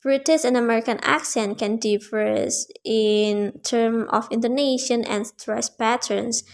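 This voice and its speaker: A young woman student giving a prepared class presentation, reading in a careful, measured way with small slips. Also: on the high side. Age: young adult.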